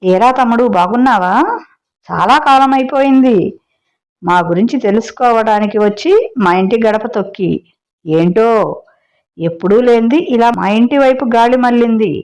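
Sharp-tongued village matriarch, mocking and loud, slightly high pitch, read by a woman storyteller. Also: normal speed, long pauses, close to an everyday voice, rough recording. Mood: sarcastic. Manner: sarcastic, scolding, loud. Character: sharp-tongued sarcastic older village woman, a feared aunt.

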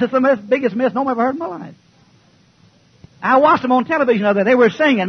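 Preacher guy, high husky voice, jokes around then hollers, muffled old tape. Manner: folksy, joking, swings from shouting to quiet asides. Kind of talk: fiery revival sermon. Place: church before a congregation. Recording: dull lo-fi archive recording.

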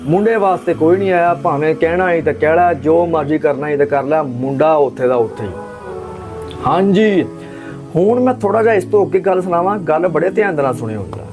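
A man's voice: fairly high pitch, animated, brisk, over music. A man from Pakistan giving an impassioned religious talk, driving points home with rhetorical questions and emphatic repetition. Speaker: religious speaker.

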